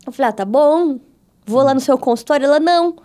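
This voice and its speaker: A woman with a Brazilian Portuguese accent, a podcast guest telling her faith testimony in a lively way and acting out the voices of the people in her story. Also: sits high, fairly quick. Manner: animated, acts out quoted dialogue with her voice. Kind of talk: testimony storytelling in a casual interview.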